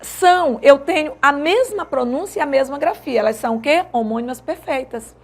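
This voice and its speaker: A woman's voice: high-pitched, lively intonation. A woman teacher with a Brazilian Portuguese accent, giving a grammar lecture and checking often that her students follow. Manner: explanatory, with frequent checking tags; stretches out example phrases slowly.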